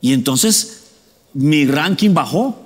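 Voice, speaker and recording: A man's voice: a little high, animated, slow, big-room sound. A male pastor preaching a sermon conversationally, often asking the congregation questions.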